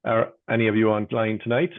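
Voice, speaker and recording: An Irish man working as a bingo caller, announcing numbers in traditional call phrases with a measured sing-song delivery. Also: fairly low pitch, little pitch movement, dry recording. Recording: tinny phone-like band-limited sound.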